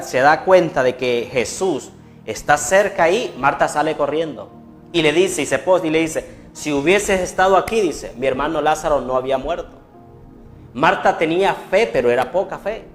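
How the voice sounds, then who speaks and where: A male preacher with a fairly high voice delivers a sermon, circling back to a refrain and stumbling through quick restarts. Soft music plays faintly behind him. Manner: repeats a refrain, frequent stammered restarts.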